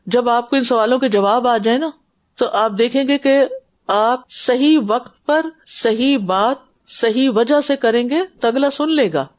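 Earnest woman teaching a class. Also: on the high side. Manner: earnest, advising, mixes English words into Urdu. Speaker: religious teacher. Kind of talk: teaching a class, answering questions.

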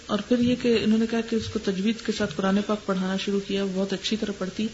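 A woman teacher gives gentle Islamic advice to listeners' questions, mixing in English words and often checking that they follow. Her voice sits at a middling pitch. The recording is dull and lo-fi, with a faint hiss underneath. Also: steady tone. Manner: mixes English words into speech.

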